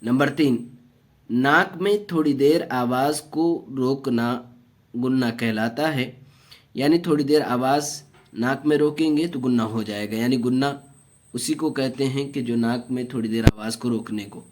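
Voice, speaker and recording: A man teaching an online beginners' reading lesson, speaking slowly and repeating each syllable so learners can follow, often addressing the viewers directly. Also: medium pitch.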